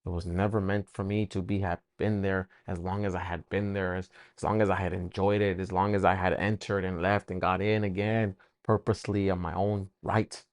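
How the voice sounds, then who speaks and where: A man telling his personal faith testimony, emotional and halting, often repeating words as he speaks. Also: low-pitched, level tone, clear, resonant tone, no room sound.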